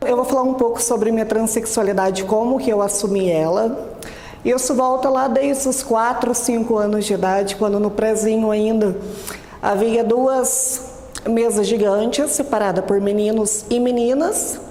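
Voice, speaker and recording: Woman, 20s, Brazilian accent, personal testimony, slightly high, boomy room. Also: fairly even intonation, a little slow, warm tone, slight background noise. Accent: Brazilian Portuguese. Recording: echoey room with long reverb.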